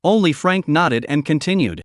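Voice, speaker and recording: A man narrating a dramatic recap story in a scripted, animated reading style. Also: on the high side, moderate pace, dry recording, clean studio sound.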